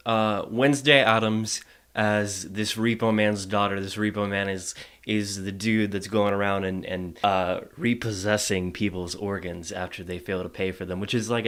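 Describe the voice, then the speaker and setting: A man's voice: fairly low pitch, fairly bright tone. Drunk, rambling man recapping a story. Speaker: comic storyteller. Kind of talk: casual, rambling comedic film recap.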